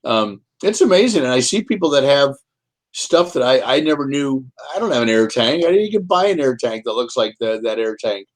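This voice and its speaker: Male guest author; chatty, rambling storyteller, middle pitch. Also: animated, a little fast. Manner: rambling, repeats words and restarts. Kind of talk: casual storytelling chat. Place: home, Kansas City.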